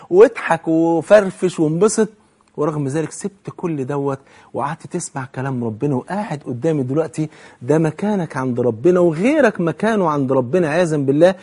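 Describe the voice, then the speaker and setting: A man's voice: a little high, breathy edge. A man with an Egyptian accent preaching an impassioned televised sermon, asking and answering his own questions.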